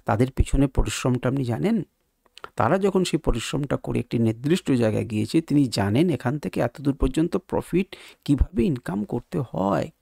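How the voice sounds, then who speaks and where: Gravelly-voiced man lecturing emphatically. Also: mid-range voice, animated, normal speed, dark tone, no room sound, studio quality. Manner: rhetorical questions, emphatic and insistent. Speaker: trading educator. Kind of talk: explanatory lecture to viewers.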